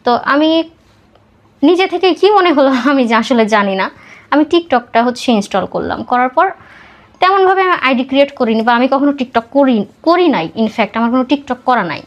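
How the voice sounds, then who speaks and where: The recording's highs are cut off. Her high, expressive voice goes at normal speed as this young Bangladeshi-accented woman, a podcast guest, relates her life story in an informal interview, mixing in English words.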